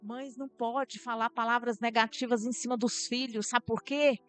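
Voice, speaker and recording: A woman's voice: a little high, steady tone, moderate pace, a bit bright, smooth, soft background music. A Brazilian woman pastor preaching a sermon, earnestly addressing the church directly.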